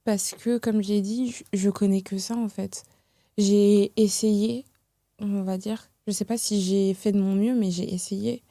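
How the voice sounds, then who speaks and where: Young woman guest, reflective and hesitant, mellow timbre, dry close sound. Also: mid-range voice, steady tone, measured pace, no room sound. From France. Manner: reflective, hesitant, many fillers and restarts. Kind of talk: casual podcast conversation.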